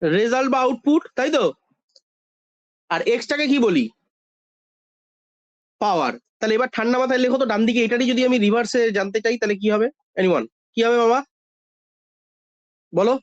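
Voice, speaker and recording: High-voiced man teaching maths. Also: moderate pace, long pauses, no room sound, muffled recording. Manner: coaxing, calls students "baba", asks questions and answers them himself. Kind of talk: online class lecture.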